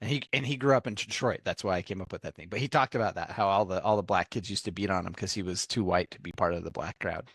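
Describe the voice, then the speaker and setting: A man hosting a business podcast, introducing his guest and asking questions in an upbeat, animated way. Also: deep voice, fast talker, few pauses, dry recording. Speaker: podcast host. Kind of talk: interview hosting.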